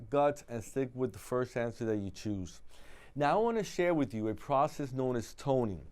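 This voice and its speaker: A man hosting a public-access talk show, calmly explaining study tips and introducing his guest. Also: medium pitch, clean tone. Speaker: host.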